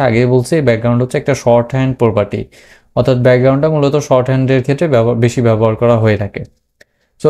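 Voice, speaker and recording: A man with a relaxed, warm tone and a middle pitch talks through a screen-recorded coding tutorial. He thinks aloud, fills pauses with "ah" and "umm", and spells out code as he types. He is from Bangladesh. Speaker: programming tutor.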